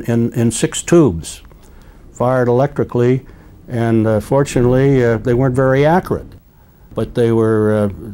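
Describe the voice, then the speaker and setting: An elderly American man, a war veteran remembering his service in an interview, speaking in a halting, deliberate way with repeated words. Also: fairly low pitch, warm tone. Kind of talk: recollecting war experiences in an interview.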